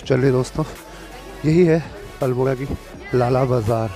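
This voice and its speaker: A warm, medium-pitched voice at normal speed belongs to a young Uttarakhand vlogger with a slightly sore throat. He strolls through outdoor market streets chatting to his audience on a city tour, filmed by phone with music in the background.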